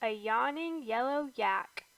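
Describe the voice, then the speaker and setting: For toddlers, a woman reads an alphabet picture book very slowly, leaving lots of space between words; her high, animated voice climbs on each capital letter and drops almost to a hush on the repeats. There's vocal fry in her voice, and the recording is close and dry with no room sound.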